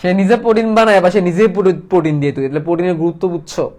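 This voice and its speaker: A man teaching a casual biology lesson, lively and full of questions to students. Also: sits high, rapid-fire. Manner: lively, asks students questions and plays out molecules as characters.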